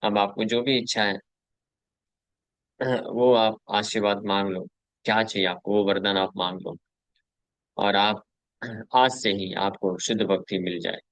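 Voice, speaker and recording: A man with a low voice leads a devotional scripture class. He tells the stories in a lively way, acts out the characters' words, and chuckles between points. The recording is dry, with no room sound. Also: a little slow, long pauses, dry recording. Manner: animated storyteller who acts out quotes. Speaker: devotional teacher.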